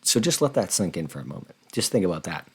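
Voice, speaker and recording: A man's voice: sits low, very animated, quick pace, breathy edge. A man hosting a personal finance channel, explaining figures from a spreadsheet in an earnest, conversational way. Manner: earnest, conversational, repeats words when rephrasing. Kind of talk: casual explainer walking through a spreadsheet.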